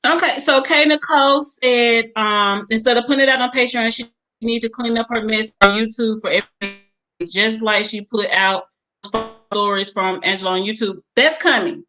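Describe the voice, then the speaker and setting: A woman with a bright, somewhat high voice reads viewer comments aloud on a casual chat show. She pauses on fillers and then reacts to what she read. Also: steady tone, soft background music, poor audio. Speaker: co-host reading viewer comments.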